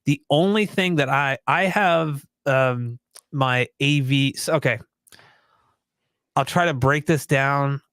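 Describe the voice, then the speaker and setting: A man's voice: mid-range voice, slow, fairly bright tone, clean tone, no room sound. A young man co-hosting a podcast live stream, chatting casually in an easygoing, rambling, self-deprecating way. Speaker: podcast co-host.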